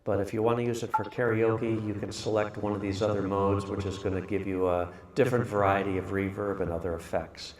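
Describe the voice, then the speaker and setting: A man's voice: on the low side, fairly quick, few pauses, far from the mic. A man casually demonstrating a speaker, his voice coming through a karaoke mic with heavy reverb. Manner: relaxed, explanatory, with filler uhs. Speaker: product reviewer. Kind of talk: casual product demo. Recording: reverb-drenched loudspeaker sound from off-mic.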